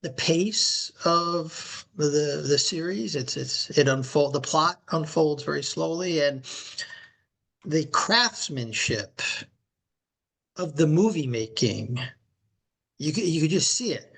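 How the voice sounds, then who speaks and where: Slow-talking middle-aged man hosting a podcast. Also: on the high side, creaky, husky. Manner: relaxed, rambling, with many fillers and restarts. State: recovering from knee replacement surgery. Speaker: podcast co-host. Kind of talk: casual podcast chat. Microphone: remote call audio.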